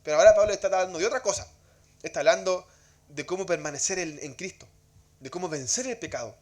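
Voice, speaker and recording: This man teaches a church Bible class in a chatty style, speaking quickly in a high voice with a somewhat dark tone. Rhetorical questions come often, and he tends to repeat words as he talks.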